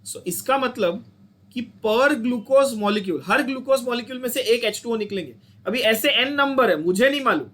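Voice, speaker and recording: A man's voice: very high voice, expressive, normal speed, a bit bright. A young Indian man teaching a chemistry lecture, coaxing his students, repeating points and asking them to say them back. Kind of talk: online lecture.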